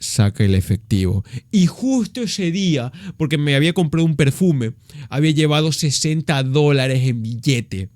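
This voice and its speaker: A young Ecuadorian man in his twenties tells a story in a slangy, swear-filled, animated way. His voice sits a little high for a man. The close mic gives a dry sound with no room around it. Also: moderate pace, no echo. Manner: slangy, profane, animated retelling. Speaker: vlogger. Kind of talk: casual storytelling vlog.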